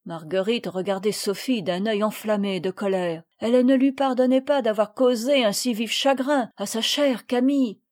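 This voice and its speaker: A woman reading a classic novel aloud as scripted narration, in a measured and expressive way. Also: fairly high pitch. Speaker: audiobook reader.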